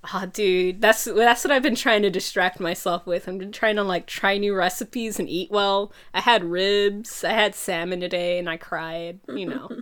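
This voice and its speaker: A woman's voice: mid-range voice, fairly even intonation, moderate pace, hardly any pauses, a bit bright. An American woman co-hosting a podcast, chatting casually with lots of swearing and laughter. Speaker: podcast co-host. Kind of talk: casual chat.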